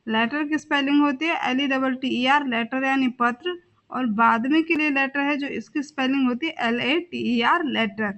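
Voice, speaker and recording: With a high, somewhat bright voice and a moderate pace, a young English teacher gives a vocabulary lesson, captured in lo-fi sound. For each word she repeats it twice, and she spells words letter by letter.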